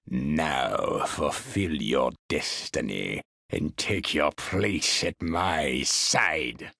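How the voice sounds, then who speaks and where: A man playing a sinister, gloating old emperor in a video game, with a raspy, croaking voice and a menacing, theatrical drawl. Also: extremely low pitch, a bit bright, no room sound, clean studio sound, heavily acted. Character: sinister, gloating old male galactic emperor, cruel and imperious. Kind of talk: video game villain acting.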